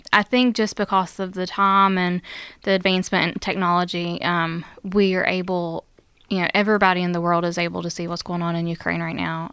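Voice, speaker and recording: A woman and mother in casual church conversation, talking earnestly and thoughtfully with many pauses and fillers, close to a studio mic. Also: lowish voice, a bit bright, smooth, dry recording. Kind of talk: casual church podcast chat.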